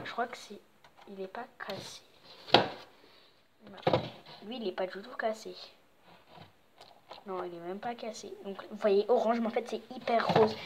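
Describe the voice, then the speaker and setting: A woman's voice: mid-range voice, heavy background noise. A young woman giving a casual, rambling tour of her home's Christmas decorations, with many fillers. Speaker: vlogger. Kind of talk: casual home tour vlog.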